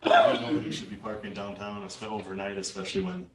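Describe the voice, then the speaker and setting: A man's voice: on the low side, huge pitch swings, fast. A man councillor asks a question hesitantly and casually, stopping to restart his words. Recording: noisy, echoey, distant mic.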